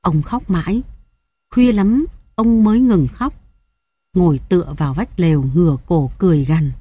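A woman reading a short story aloud in a steady, measured storytelling voice. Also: on the low side, husky, no echo. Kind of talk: audiobook narration of a short story.

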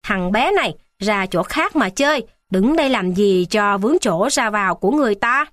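A woman voicing a gruff male hospital gatekeeper who scolds a child. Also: medium pitch, animated, moderate pace, fairly bright tone, no echo, clean studio sound, natural voice. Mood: scolding. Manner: scolding, threatening.

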